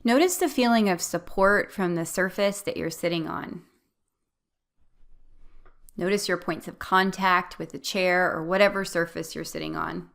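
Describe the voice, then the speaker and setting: A woman leading a guided meditation as an instructor, speaking in a gentle, soothing, instructional way. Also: fairly low pitch, normal speed, vocal fry.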